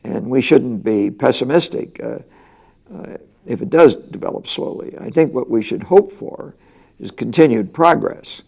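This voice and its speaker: Older male interviewee, deliberate and pausing for words, mellow, heavy vocal fry. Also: medium pitch, expressive. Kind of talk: measured interview answers.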